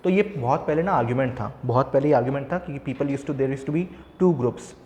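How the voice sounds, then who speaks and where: A man with an Indian English accent teaching literature, mixing Hindi and English, reading examples off a slide slowly and often checking with "है ना". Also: medium pitch, darkish tone. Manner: frequent checking fillers. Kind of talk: recorded lesson explaining slides. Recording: echoey room with long reverb.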